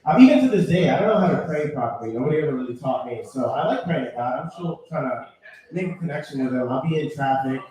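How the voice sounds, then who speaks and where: A man's voice: medium pitch, quick pace. Man doing stand-up in an echoey bar. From Puerto Rican. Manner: deadpan storytelling with sudden shouted outbursts. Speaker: stand-up comedian. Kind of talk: open mic stand-up set. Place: small bar with live audience. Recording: echoey bar room, mic heard from a distance.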